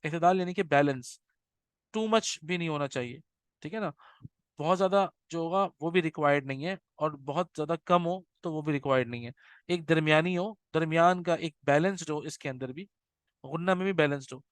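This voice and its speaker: A man teaching a recitation class, explaining patiently and often checking that students follow, and demonstrating slow nasal recitation. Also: on the high side, smooth, dry recording.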